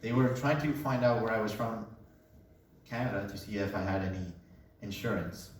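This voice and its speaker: A young man from Colombia tells his story as a casual testimony, relaxed and joking. His voice sits a little low and comes from some distance from the mic. The room around him rings with heavy echo, and a faint hum runs underneath. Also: moderate pace. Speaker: speaker giving a testimony. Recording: echoey room, voice away from mic.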